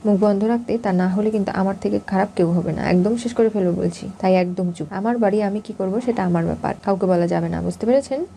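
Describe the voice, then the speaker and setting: Scheming bossy young bride, read by a woman, scolding and coaxing, dark even voice. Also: medium pitch, quick pace, creaky, hardly any pauses, a little hiss or hum, lightly acted. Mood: threatening.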